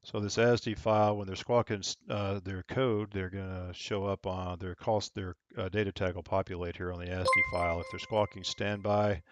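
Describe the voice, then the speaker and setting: A man's voice: sits low, level tone, moderate pace, few pauses, highs cut off. A man working as a virtual air traffic controller, switching between procedural air traffic control radio calls and casual explanation. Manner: procedural phrasing, spelled-out digits and call signs.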